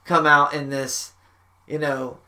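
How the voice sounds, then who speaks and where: A man's voice: fairly high pitch, takes it slowly. A man hosting a podcast, chatting casually in a backyard shack, rambling and swearing freely. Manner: rambling, profane, animated. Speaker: podcast host. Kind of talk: casual chat.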